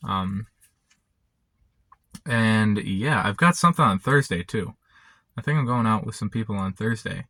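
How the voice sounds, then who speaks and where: A young man chatting casually and unscripted to camera, halting and often interrupting himself as he rambles. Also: on the low side, expressive, a bit bright, dry recording. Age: young adult. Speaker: vlogger. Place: inside a parked car. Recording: background noise, vehicle ambience.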